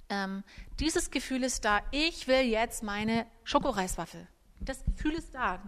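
Woman, parenting talk to an audience, animated, acts out little scenes, fairly high voice, long hall reverb. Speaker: parenting speaker.

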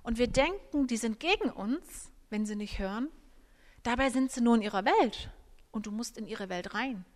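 A woman gives a lively parenting talk to a live audience and keeps slipping into the voices of parents and children to act out small scenes. Her voice sits fairly high, and a long hall reverb hangs on every phrase. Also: normal speed. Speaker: parenting speaker.

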